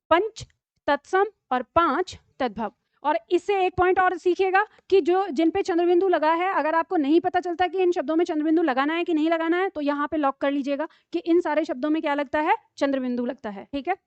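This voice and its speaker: A woman's voice: high voice, no room sound, muffled recording. A woman teaching a Hindi grammar class online. She explains patiently and keeps checking in with rhetorical questions.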